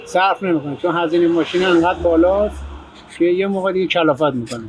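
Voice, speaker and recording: A man working as a taxi driver, chatting casually and complaining as he answers an interviewer. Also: high-pitched. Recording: noisy vehicle and street ambience.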